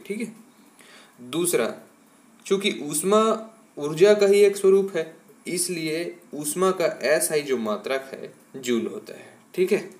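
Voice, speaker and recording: A male teacher with a medium-pitched voice leads an exam-prep lesson, explaining step by step. He often checks in with "ठीक है" and poses rhetorical questions.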